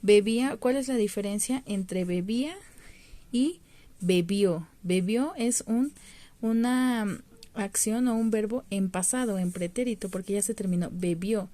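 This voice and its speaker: A woman talks through a primary school lesson. Her voice is mellow and warm, and her pitch sits in the middle. She explains patiently, step by step, and draws out the syllables she wants to stress. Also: normal speed, no room sound. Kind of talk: recorded remote lesson.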